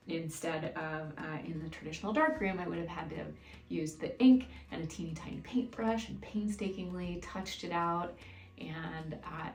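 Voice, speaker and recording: A woman raised in Japan, with a fairly low, gravelly voice, presents a video from her indoor studio as a photographer, musing aloud in a casual, chatty vlog style. The sound is roomy with a distant mic and music in the background.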